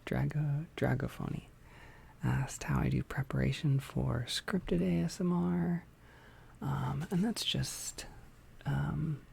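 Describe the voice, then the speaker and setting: A young adult ASMR streamer chatting casually in a soft, hesitant whisper, with faint mouth clicks from a tongue piercing. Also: mid-range voice, creaky, a little hiss or hum. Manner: soft-spoken, hesitant, informal. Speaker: ASMR content creator hosting a livestream.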